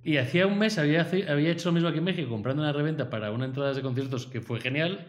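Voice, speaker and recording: A man in a casual conversation, telling a story in an animated, rueful way. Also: a little high, racing.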